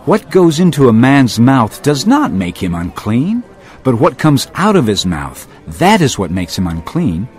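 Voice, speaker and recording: A man's voice: mid-range voice, wildly swooping pitch, a little mellow, soft background music. A man playing Jesus as a firm, earnest, emphatic teacher in a dramatised audiobook. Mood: earnest, teaching. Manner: emphatic, deliberate, declarative.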